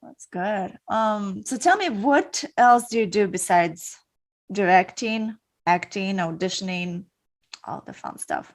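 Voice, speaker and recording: A woman's voice: mid-range voice, animated, slow pace. A woman hosting a podcast, asking questions with enthusiastic short reactions. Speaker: podcast host. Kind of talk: casual interview chat.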